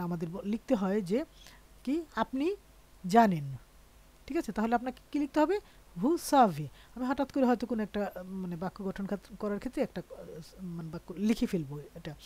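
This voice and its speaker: A woman teaching French verb conjugations, reading each form slowly and often pausing to check in with her listeners. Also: medium pitch, dark tone. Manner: reads conjugations slowly one by one. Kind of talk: online language lesson.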